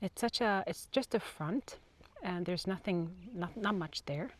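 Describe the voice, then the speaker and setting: A woman co-founder chatting on an outdoor walking tour. She is out of breath, animated and laughs often. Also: lowish voice, unhurried. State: out of breath from hiking. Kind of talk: casual chat on a walking tour. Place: outdoors on hilly open land.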